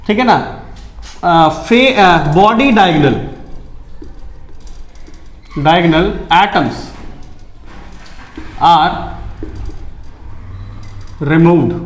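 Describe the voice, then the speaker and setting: A man teaching a chemistry lesson, brisk and coaxing, often asking his students questions. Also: high voice, animated, echoey room. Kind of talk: classroom lecture to students.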